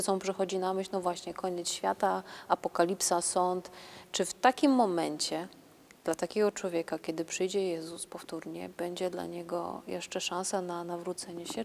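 Gravelly low-voiced woman interviewer. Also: a little mellow. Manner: probing, lays out a hypothetical at length. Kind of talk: asking questions on a faith program.

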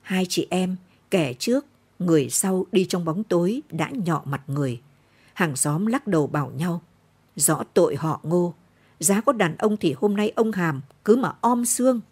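Radio narrator, woman, low and husky, measured novel reading. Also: expressive, a little mellow.

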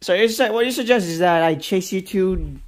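A teenage boy vlogging casually in a bedroom of a new house, loud, teasing and excitable, recorded on a handheld camera. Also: high-pitched, moderate pace. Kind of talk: casual chat.

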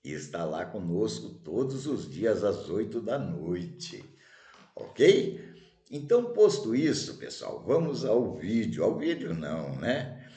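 A man's voice: fairly low pitch, wildly swooping pitch, slow pace, mellow. A man hosting a checkers channel, talking casually and tagging almost every phrase with "né?". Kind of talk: casual commentary and storytelling. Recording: roomy echo.

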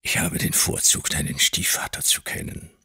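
A man's voice: moderate pace, bright, forceful tone, dry recording, studio quality. A man voicing a fat, cruel schoolmaster who speaks only in a menacing whisper.

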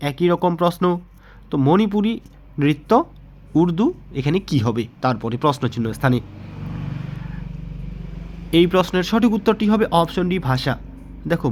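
Bengali man teaching a mock test. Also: a little high. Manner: patient, asks then answers own questions. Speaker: exam prep teacher. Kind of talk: explaining mock test answers.

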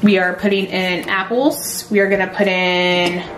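A woman's voice: on the low side, little pitch movement, unhurried, background noise. A woman co-hosting a casual holiday chat, reading fanfiction aloud with frequent giggles and explaining a drink recipe. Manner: giggly, breaks into laughter while reading. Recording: echoey room with loud music behind.

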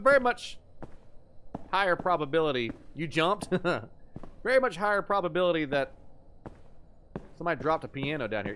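A man streams horror games live, joking his way through and reading the notes he finds aloud into a desk microphone. His voice sits high and swings widely, and a faint hiss lies under it. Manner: jokey, reads in-game notes aloud, yells and mock-cries. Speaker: livestream host playing horror games. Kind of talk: casual live gameplay commentary.

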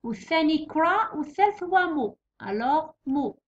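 A young woman with an Algerian accent teaching an exam revision lesson, explaining patiently and repeating words slowly and clearly. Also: high-pitched, lively intonation. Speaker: English teacher. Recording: dull lo-fi recording.

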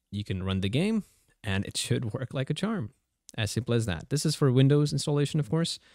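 A man hosts a casual how-to tutorial. His voice sits on the low side and is recorded very dry, close to the microphone. He talks conversationally, feeling his way through the steps with some hesitation. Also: a little mellow, dry recording. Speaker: tutorial host.

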